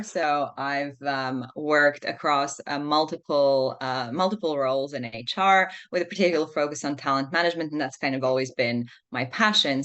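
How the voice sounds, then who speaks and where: A woman from Croatia hosting a business webinar over a video call, relaxed and dotted with ums. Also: low voice. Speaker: webinar host.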